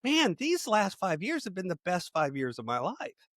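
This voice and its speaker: Animated storytelling man, dry close sound. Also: sits high, normal speed, dry recording. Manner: storytelling, animated voices for quoted people. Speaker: podcast host and calling coach. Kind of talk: conversational interview.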